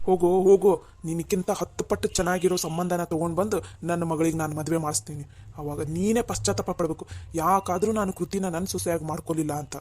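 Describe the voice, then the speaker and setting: A man's voice: on the high side, steady tone, brisk, a little mellow, natural voice. A man voicing a wealthy, proud and stubborn middle-aged father in a cartoon, switching between indignant and pleading. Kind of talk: Kannada cartoon voice acting.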